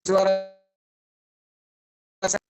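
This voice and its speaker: A man's voice: extremely slow, dry recording. A man giving a business presentation over an online call, his audio choppy and cutting in and out on a bad connection. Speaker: seminar presenter.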